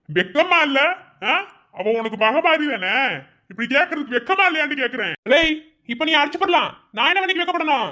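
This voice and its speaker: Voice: sits high, pushed and bright, heavily acted. A performer voicing a fierce village woman in a cartoon, speaking with a Madurai Tamil accent and hurling harsh, threatening insults. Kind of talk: cartoon voice acting.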